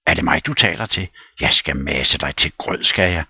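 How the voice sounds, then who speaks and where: A man reading a play aloud and voicing a loud, blustering, quarrelsome landowner. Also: low-pitched, very animated, husky, dry recording, muffled recording, voice pushed up, heavily acted.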